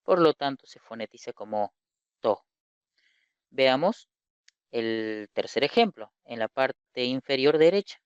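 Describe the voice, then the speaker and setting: A male teacher gives an online lecture at an unhurried, measured pace, repeating key terms and putting rhetorical questions to his students. His voice is smooth and clear. The sound is dry and close, with a slightly muffled, lo-fi quality. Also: medium pitch, animated, dry recording. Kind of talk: online lecture explaining slides.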